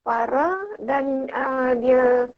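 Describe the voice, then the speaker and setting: A woman in her fifties, a university professor, speaking as a guest on a live-stream interview over a video call. She talks softly and hesitantly, with many pauses. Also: high-pitched, level tone, dry recording, narrow, tinny audio. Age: 50s.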